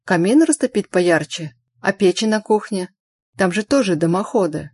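A woman voicing a frightened grey-haired old innkeeper who talks in anxious, hoarse bursts. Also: mid-range voice, expressive, normal speed, a little mellow, no room sound.

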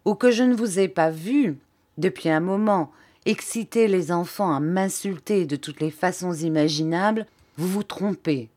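A woman's voice: fairly low pitch, a little slow, a little mellow, natural voice. A woman reading an audiobook, voicing an agitated male schoolmaster who raises his voice in trembling outbursts.

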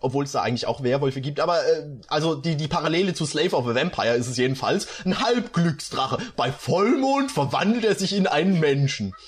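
A man's voice: on the high side, animated, fairly quick, few pauses, breathy edge. A man reading bad fan fiction aloud and mocking it with sarcastic comments.

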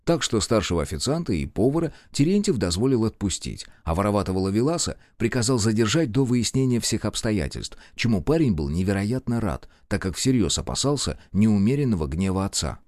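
A man narrating an audiobook in an expressive storytelling manner, voicing all the characters. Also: fairly low pitch, a little fast, hardly any pauses, dry recording, clean studio sound. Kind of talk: scripted narration.

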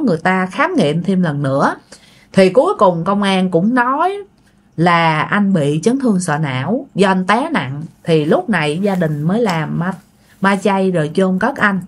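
A woman with a Southern Vietnamese accent telling a ghost story in a casual, chatty way, often speaking straight to her listeners. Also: mid-range voice. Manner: chatty, addresses listeners directly.

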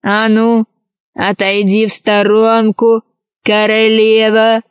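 A scheming male pirate from a children's storybook who drawls threats and orders, pitched somewhat lower, as a woman puts him on. He speaks very slowly, and the recording is dry and slightly dull. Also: completely flat delivery, clean tone, dry recording. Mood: menacing. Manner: threatening and bossy.

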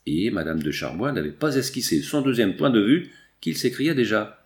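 A man narrating a nineteenth-century novel as an audiobook, in a measured, expressive reading. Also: fairly low pitch.

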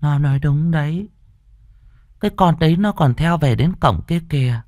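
A man performs as a stern old grandmother, scolding with a knowing air in a light bit of acting. His voice is pitched above his natural one, fairly high, expressive and a little mellow, at a moderate pace. The studio sound is clean with no echo.

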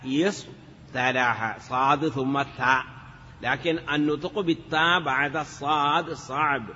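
A man teaching grammar in a classroom lecture. He explains patiently, often checks with his listeners, and sounds words out slowly, syllable by syllable. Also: mid-range voice, pushed and bright, a little hiss or hum. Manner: patient, explanatory, checks understanding with short questions. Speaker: teacher of Arabic morphology. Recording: dull, roomy lecture recording.

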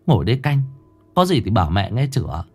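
A man's voice: on the low side, big pitch swings, quick pace, slightly rough, faint music behind. A man voicing a worried older wife who gives plain, urgent instructions. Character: worried older wife watching her sick husband.

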